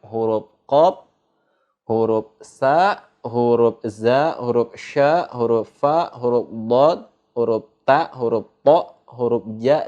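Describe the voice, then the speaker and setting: Slow indonesian guy teaching quran reading in a studio, mid pitch, lots of eh pauses. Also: darkish tone, lo-fi sound. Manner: unhurried, hesitant with "eh" fillers, sings out drawn-out recited examples. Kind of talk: slow tajwid lesson with recited examples.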